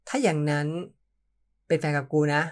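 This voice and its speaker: Confident young lover for an audio novel, voiced plainly by the reader, teasing and coaxing. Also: male voice, fairly high pitch, normal speed, close to an everyday voice.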